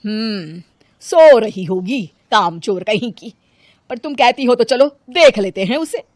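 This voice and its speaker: A woman voicing a sharp-tongued mother-in-law. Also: on the high side, animated, measured pace, no room sound, clean studio sound. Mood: scolding. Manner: taunting, loud scolding. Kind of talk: cartoon dub acting.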